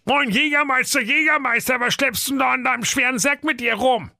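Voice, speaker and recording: A man's voice: extremely high pitch, fairly quick, creaky, background noise, voice pushed up. A man voicing a cheerful, helpful little male pig in a comic storybook reading, eager and sing-song.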